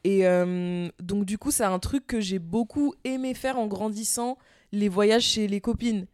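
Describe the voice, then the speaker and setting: A woman's voice: medium pitch, unhurried, a little mellow, no echo, studio quality. A young woman from Paris, a singer guesting on a podcast, chatting casually and rambling with lots of fillers and restarts. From Paris, France.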